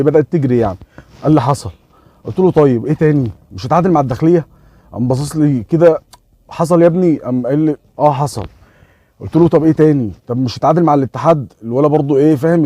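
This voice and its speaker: A man's voice: on the high side, no echo. A man with an Egyptian Arabic accent telling a funny everyday story, acting out each friend's lines in quoted dialogue. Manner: animated retelling with quoted dialogue and repeated "ya 3am" fillers. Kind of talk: casual story told to camera.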